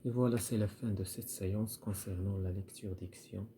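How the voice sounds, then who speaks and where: A man's voice: lowish voice, fairly even intonation, normal speed, warm tone. A man teaching a primary school French lesson, hesitant, with many fillers and repeated words. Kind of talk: recorded lesson walkthrough.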